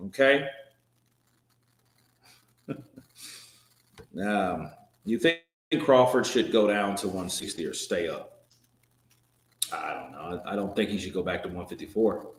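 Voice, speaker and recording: A live boxing stream host with a lowish voice and lively intonation reads viewer comments, taking his time and leaving long pauses. He jokes around loosely, swearing and restarting as he goes, and the room echoes around him.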